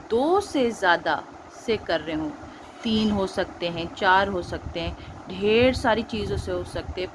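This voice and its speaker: An Indian woman teacher gives a patient, slow-paced grammar lesson, often quizzing her pupils as she goes. Her voice sits fairly high and rises and falls with lively movement. The recording carries clear background noise with traffic passing by. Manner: patient explaining, quizzing pupils, mixing Hindi and English. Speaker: school teacher.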